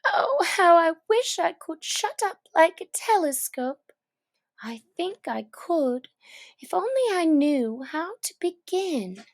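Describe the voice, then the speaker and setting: A woman's voice: extremely high pitch, big pitch swings, slow pace, pitched above the performer's own voice, full character voice. A woman voicing Alice, a curious and dreamy little girl, in a read-aloud storybook with a wondering, earnest manner. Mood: wistful.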